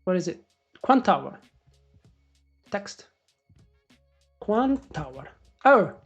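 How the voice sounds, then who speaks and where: A man doing live trading commentary on a stream, excitable and swearing as he talks to the market. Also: sits high, takes it slowly, husky, lo-fi sound, faint music behind. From Morocco. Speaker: day trader live-streaming.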